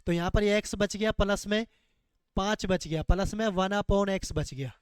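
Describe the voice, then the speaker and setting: A man's voice: sits high, normal speed, clear, resonant tone, dry recording. A man teaching a maths lesson, asking students questions and answering them himself, going over each step again and again. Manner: repeats questions back to students, drills steps.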